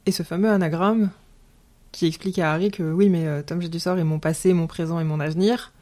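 A woman hosting a casual podcast discussion, explaining details in a lively way. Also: lowish voice, fairly quick.

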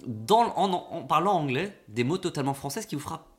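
A man's voice: a little high, very animated, brisk, soft background music. A man co-hosting a comedic show, rambling and stumbling over repeated words. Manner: rambling, stammering repetitions. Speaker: co-host. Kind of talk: comedic radio banter.

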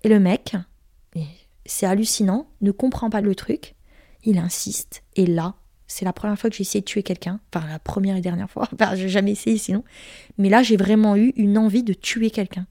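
A woman's voice: mid-range voice, fairly even intonation, normal speed, warm tone, no echo, studio quality. A young woman from Corsica frankly telling a personal story in casual talk, crude and emphatic, acting out what people said. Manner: frank, crude, emphatic retelling with acted quotes.

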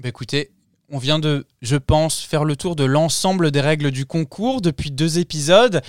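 A man hosting a talk show, steering the talk with measured questions. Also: fairly high pitch, dry recording, clean studio sound. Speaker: host. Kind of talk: podcast hosting.

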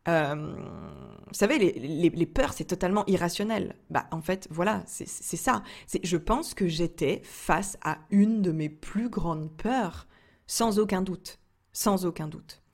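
A woman's voice: on the low side, measured pace. A young woman speaking candidly in a casual personal vlog, chatty and confiding, often restarting her sentences. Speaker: vlogger.

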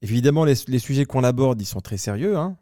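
A man co-hosting a podcast, talking in a playful, teasing and animated way. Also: medium pitch, fast, no room sound, studio quality. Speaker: podcast co-host. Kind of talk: casual podcast chat.

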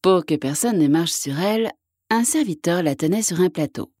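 Low-voiced woman reading a fairy tale. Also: expressive, normal speed, a little mellow, husky, dry recording, studio quality. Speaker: storybook reader. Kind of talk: children's storybook narration.

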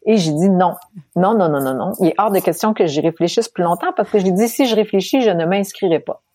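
A middle-aged woman from Quebec with a Québécois accent, telling her story as an interview guest, animated and laughing often. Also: fairly low pitch, fairly quick, dry recording. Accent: Québécois French. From Quebec, Canada. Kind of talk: candid storytelling in conversation.

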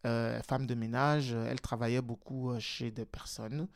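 This interview guest from Togo, who is both a politician and a teacher, has a creaky, mid-range voice with a steady tone and moderate pace. The talk is casual, and he's hesitant, with lots of fillers and restarts.

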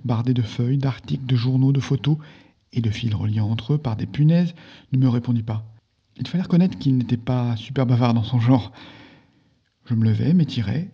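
Podcast guy reading a novel out loud, super raspy, muffled lo-fi sound. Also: mid-range voice. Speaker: podcast host.

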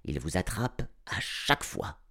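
Guy reading a kids audiobook, deep-ish voice, swoops around a lot, dry sarcastic cat narrator. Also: moderate pace. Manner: sardonic, animated first-person cat narration. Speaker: storyteller.

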